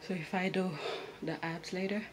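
A woman's voice: fairly low pitch, fairly even intonation, normal speed, background noise. A woman vlogging at home, out of breath and tired after a workout, talking casually. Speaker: vlogger and mother.

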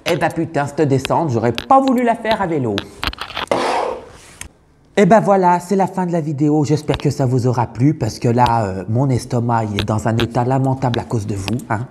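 A man's voice: medium pitch, expressive, normal speed, noisy background, lightly acted. A man playing a brash, crude female farmer with a Burgundian accent in a comic sketch. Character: brash middle-aged female farmer from the countryside. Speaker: taste-tester.

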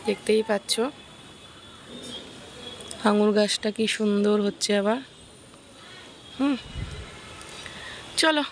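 A woman with a fairly high voice narrates a casual vlog as she moves around her home and yard, where there is a wood stove. She is chatty and coaxing and often repeats herself, with a little hiss or hum in the recording.

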